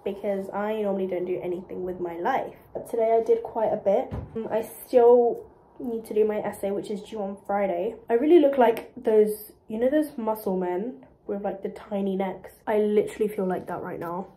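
This vlogger, a young woman, has a mid-range, dark-toned voice and speaks at normal speed. Stuffy and breathless, she chats aimlessly and jokes at her own expense into a phone camera propped close by, moving between a small kitchen and a sparse, echoing room.

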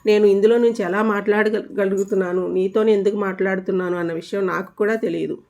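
A woman's voice: medium pitch, steady tone, fast, creaky, darkish tone, close to an everyday voice. Woman reading as a murdered girl's pleading spirit. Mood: earnest. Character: dead young woman's spirit, pleading for justice.

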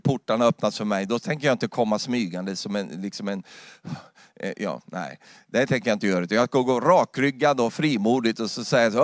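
A man with a Swedish accent preaches a sermon, his voice sitting at a middle pitch. He keeps calling out halleluja and swings up into loud, fervent bursts. The sound is close and dry, with hardly any room around it. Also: no echo. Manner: exclamatory, repeats halleluja, rises to loud fervent peaks. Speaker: pastor. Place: church.

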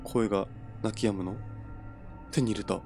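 A man's voice: fairly low pitch, steady tone, normal speed, darkish tone, soft background music. A young man giving let's play commentary on a horror game, jumpy and stammering as he talks to himself. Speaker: gamer playing a horror game.

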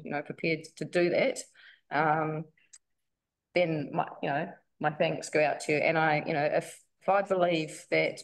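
A woman speaking informally to a council meeting as a member of the public, reading loosely from notes with many fillers. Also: low voice.

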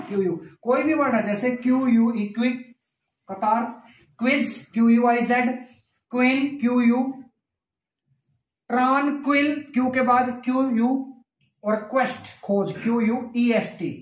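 A woman's voice: on the high side, echoey room. A woman teaching an English spelling lesson, spelling words out letter by letter and mixing Hindi with English phrases. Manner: explains slowly, spells out letters one by one.

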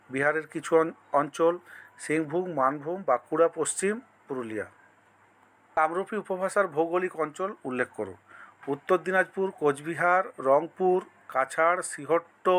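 A man with a fairly high voice teaches an exam-prep class. He reads each multiple-choice question, lists the options in turn, then states the right answer in a steady, methodical way.

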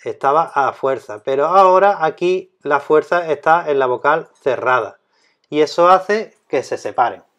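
Man teaching, slow and repetitive. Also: a little high, fairly bright tone. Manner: slow, deliberate, repeats key terms. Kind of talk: grammar lesson explanation.

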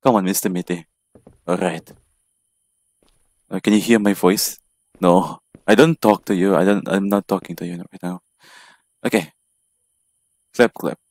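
A man's voice: low voice, measured pace, long pauses, a little mellow, no echo, clean studio sound. A man commentating on a horror game as he plays, joking and chatting to an in-game companion. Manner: jokey, chats to an in-game companion. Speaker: gamer playing a horror game. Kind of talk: let's play commentary.

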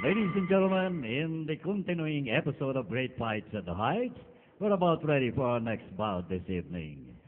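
A man working as a boxing ring announcer, formally introducing with ceremonious, drawn-out names. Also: medium pitch, big pitch swings, background noise. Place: large indoor arena. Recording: echoing arena PA, phone-like sound.

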